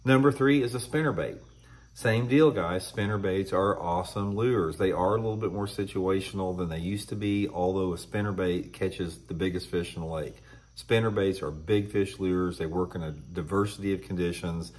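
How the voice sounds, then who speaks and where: Blunt, low-voiced man talking to camera. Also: moderate pace, a little mellow. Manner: blunt, opinionated, clears throat often. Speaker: fishing channel host. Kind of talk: casual talk to camera. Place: indoor room with shelves of tackle.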